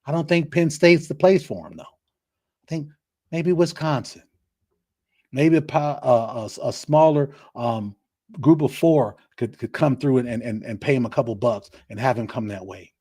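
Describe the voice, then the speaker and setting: Man ranting on a sports show, blunt, opinionated, repeats himself, middle pitch. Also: moderate pace, husky. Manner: blunt, opinionated, repeats words when excited. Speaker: sports talk host. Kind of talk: solo sports rant.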